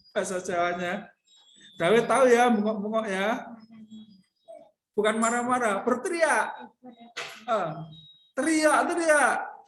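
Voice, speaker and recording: A woman's voice: fairly high pitch, reverberant, slight background noise, low-quality recording. A woman teacher telling a Bible story to a class of children, stopping often to check that they follow. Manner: retells the story and acts out the crowd's voices. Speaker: religion teacher.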